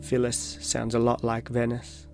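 A man reading his own reflective, literary personal essay as scripted narration, in a measured way. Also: medium pitch, completely flat delivery, gravelly. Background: soft guitar music.

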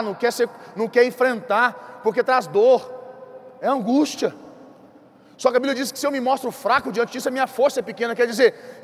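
Man, Brazilian accent, sermon, impassioned and repetitive, high voice, reverberant church hall. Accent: Brazilian Portuguese. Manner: impassioned, repetitive preaching with quick bursts and slow emphatic drops. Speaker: bishop preaching.

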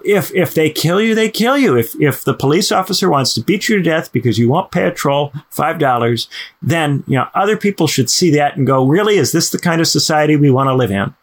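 A man, a podcast host and former lecturer, telling a long story in a rambling, casual way. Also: mid-range voice. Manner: rambling, many "you know" fillers and restarts.

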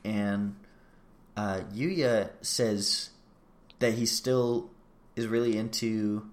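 A man's voice: fairly low pitch, very slow. A man chatting casually on a podcast, retelling a scene and acting out both people's lines. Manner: animated retelling, acting out both sides of a conversation. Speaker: podcast co-host. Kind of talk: casual chat recapping a reality show.

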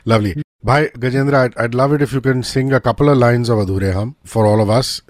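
A man with an Indian accent hosts a casual music interview. His voice is mid-pitched and recorded very dry, and his manner is effusive. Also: fast talker, dry recording. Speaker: interview host.

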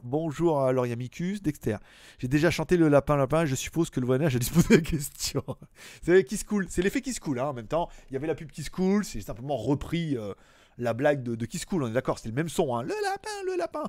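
Male live-stream host, slightly high voice, joking and chatty with viewers, dry close sound. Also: fast talker, a little mellow, no echo. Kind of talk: casual live-stream chat reading viewer messages.

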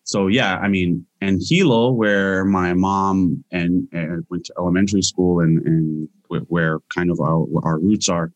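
Deep-voiced man rambling through interview answers. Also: fairly even intonation, a little slow, few pauses, no room sound, dull audio. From Hawaii. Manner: rambling, frequent restarts and fillers. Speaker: guest scientist. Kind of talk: casual interview talk.

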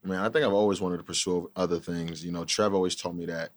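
A man's voice: low-pitched, fairly even intonation, fast, no echo. A young man, a laid-back, confident podcast guest. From Long Island, New York. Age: 20s. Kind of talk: casual chat.

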